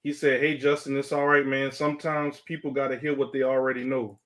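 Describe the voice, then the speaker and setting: A man hosting a casual podcast, relaxed and slangy, reading viewer chat aloud. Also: medium pitch, fairly quick, a little hiss or hum. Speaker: podcast host.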